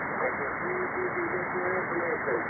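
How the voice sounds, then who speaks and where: A man chatting on an amateur radio net, halting with fillers and signing off with "over", heard over a crackly shortwave radio with static. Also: very high-pitched, monotone, vocal fry. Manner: halting, with many fillers and "over" sign-offs. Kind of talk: casual on-air radio chat. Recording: static-filled tinny ham radio signal.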